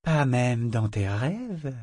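A man voicing a gentle, troubled young woman bead maker in an audiobook, speaking softly, slowly and searchingly. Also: medium pitch, dry recording, clean studio sound. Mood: probing. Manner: soft, slow and searching.

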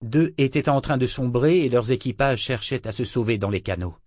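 A man reads a novel aloud with a measured, even delivery. His voice sits in a middle register and the recording is dry and close, with no room sound. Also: medium pitch, no room sound. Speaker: audiobook narrator. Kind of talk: scripted narration with character voices.

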